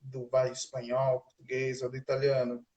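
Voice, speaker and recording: A man hosting a relaxed interview, asking long rambling questions with fillers. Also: medium pitch, moderate pace, lo-fi sound. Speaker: host. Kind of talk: casual interview.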